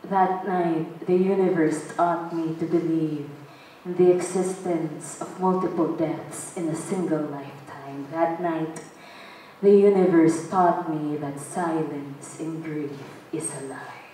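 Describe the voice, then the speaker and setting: A young adult woman performing spoken word poetry on stage, with a slow, dramatic delivery that breaks into shouted outbursts. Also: deep voice, steady tone, a little hiss or hum. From Philippines. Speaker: performance poet. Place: stage in a large hall. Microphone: stand mic, filmed from a distant camera. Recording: echoey hall from far off.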